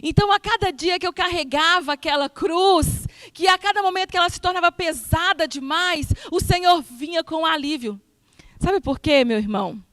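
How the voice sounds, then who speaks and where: A woman giving a sermon testimony in church, earnest and emphatic, moving between soft and loud passages. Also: very high-pitched, normal speed, dry recording. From Brazil.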